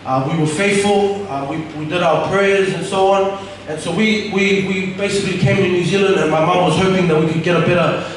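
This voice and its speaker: Young man from Tonga, high voice, church testimony, loose and rambling, handheld mic, very echoey hall, heard from afar. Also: steady tone, fairly quick, distant mic, slight background noise. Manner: casual, rambling with many fillers and restarts. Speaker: church member giving testimony. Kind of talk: personal testimony talk. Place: church stage, large room.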